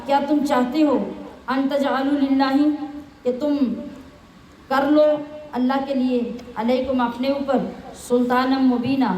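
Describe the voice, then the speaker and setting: A woman teaches the Quran, reciting Arabic phrases and explaining each simply while often putting rhetorical questions to her listeners. Her voice is high with a darkish tone, recorded in an echoey room with a little hiss or hum.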